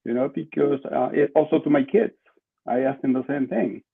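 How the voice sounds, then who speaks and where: A husky older man from Lima, Peru, whose first language is Spanish, answers interview questions conversationally as a podcast guest and marketing entrepreneur. He has a Peruvian Spanish accent, medium pitch and normal speed. He's on a video call from a small room at home, with a desk-distance computer mic giving muffled, lo-fi audio.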